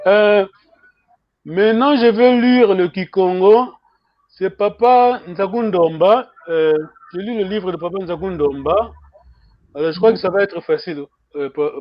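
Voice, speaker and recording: A man teaching a live-streamed language lesson, reading aloud slowly, switching languages and laughing often. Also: high-pitched, muffled recording.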